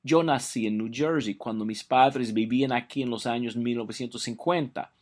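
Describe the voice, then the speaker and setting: An older man from the southern United States, a native English speaker, giving a calm, measured recorded Bible lesson for a phone line. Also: medium pitch. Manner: calm, measured, reads scripture slowly. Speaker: Bible teacher.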